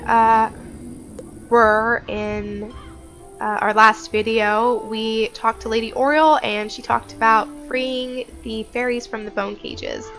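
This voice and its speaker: A woman's voice: fairly high pitch, flat delivery, takes it slowly, fairly bright tone, faint music behind. A woman hosting a casual game walkthrough on a headset mic, chatty and informal, thinking aloud as she goes. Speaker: gaming video host.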